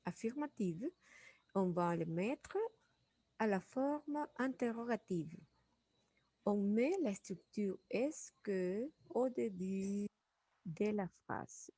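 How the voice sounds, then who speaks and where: A woman explains grammar in an unhurried way, saying each example twice. She has a mid-range voice, and the recording is dry and close to the mic. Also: mid-range voice, darkish tone, husky, dry recording. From Venezuela. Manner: patient, repeats each example, asks "oui". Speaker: French teacher. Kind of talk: slow classroom explanation.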